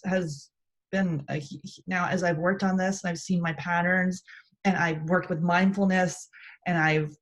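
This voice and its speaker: A woman in her thirties co-hosting a podcast, talking bluntly and swearing in fast bursts of frustration. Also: lowish voice. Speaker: podcast co-host. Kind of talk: casual podcast chat.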